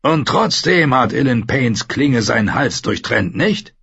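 A man reading an audiobook, voicing a scarred, brutal warrior who talks in a gruff, scornful, growling way. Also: medium pitch, sing-song, a little slow, a bit bright, no echo, lo-fi sound, exaggerated voice. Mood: menacing. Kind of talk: audiobook character voice.

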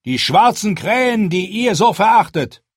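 A man voicing a stern young male commander who gives a forceful, rallying speech in an audiobook. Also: sits high, sing-song, unhurried, slightly rough, no echo, clean studio sound, voice pushed up, full character voice. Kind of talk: audiobook character voice.

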